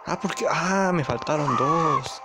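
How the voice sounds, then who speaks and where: A man's voice: a little high, a little slow. A man giving playful, boastful gameplay commentary and reading game dialogue aloud. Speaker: gamer. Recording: game music under the voice. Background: game music.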